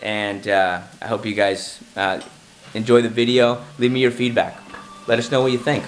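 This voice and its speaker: A man with a raspy, hoarse voice from a cold, chatting casually and rambling a bit in a self-deprecating, jokey way to his vlog camera. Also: on the low side, flat delivery, normal speed, background noise. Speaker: vlogger.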